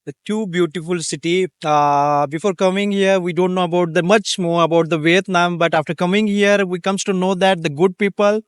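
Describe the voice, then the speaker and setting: A man, a tourist, speaking in a halting way with broken phrasing. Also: high-pitched, fairly even intonation, smooth, dry recording, clean studio sound.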